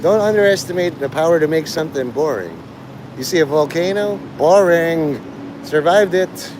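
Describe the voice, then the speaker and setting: On the high side and with lively intonation, this man's voice moves at a moderate pace as he streams live. His casual monologue rambles and digresses, blunt and laced with profanity, over clear outdoor traffic noise.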